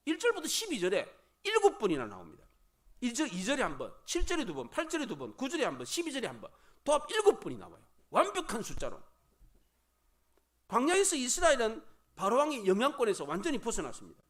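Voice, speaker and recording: Lively high-voiced Korean pastor preaching. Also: male voice, fast. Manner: animated preaching, rising and dropping for emphasis; acts out grumbling crowd voices. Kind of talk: sermon. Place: church sanctuary.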